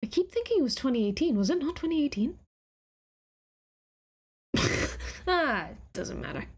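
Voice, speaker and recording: A woman's voice: high-pitched, sing-song, normal speed, darkish tone. A woman live-streaming a reaction to her own old videos, chatting casually in a giggly, scattered, self-mocking way.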